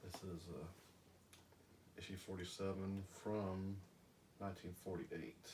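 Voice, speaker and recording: A middle-aged man casually talking through his graded comic collection in slow, measured explanations with some filler words. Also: low voice, noisy background. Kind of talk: casual chat.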